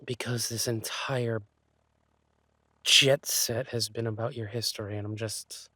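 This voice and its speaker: A man playing an insecure, lovesick thief boyfriend in a romantic audio role-play, speaking haltingly and tenderly. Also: lowish voice, steady tone, bright, forceful tone, dry recording. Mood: troubled, tender. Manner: hesitant, halting, sighing delivery.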